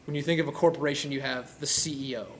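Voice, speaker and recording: A man's voice: mid-range voice, fairly even intonation, fast talker, slight background noise. A young man co-hosting a casual gaming chat, explaining eagerly and often restarting his sentences, recorded by a far camera in a large hall. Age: young adult. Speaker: co-host. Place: large indoor auditorium.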